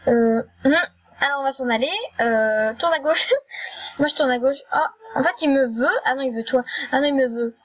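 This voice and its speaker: A woman with a high voice chats her way through an online game, excitable and quick to repeat herself. Her casual commentary tumbles out with stammers and restarts. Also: low-quality recording. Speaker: gaming YouTuber.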